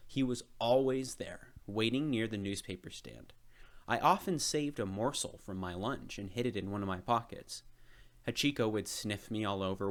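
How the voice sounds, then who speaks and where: With a lowish voice, a man reads a children's picture book aloud as an expressive storyteller. He phrases things in a measured way and puts emphasis on certain words.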